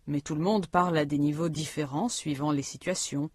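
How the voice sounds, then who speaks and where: Woman, instructional narrator, calm explanatory reading, breathy low voice, dry booth. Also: brisk, no room sound. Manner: calm, explanatory teacher delivery. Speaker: language-course narrator.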